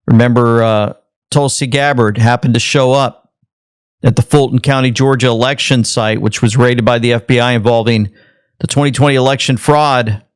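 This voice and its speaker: A man's voice: mid-range voice, fairly even intonation, moderate pace, clear, resonant tone, no echo, clean studio sound. A man hosting an online commentary show, reacting to news clips in a casual, musing way and reading a sponsor message. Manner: conversational, speculative, repeats phrases.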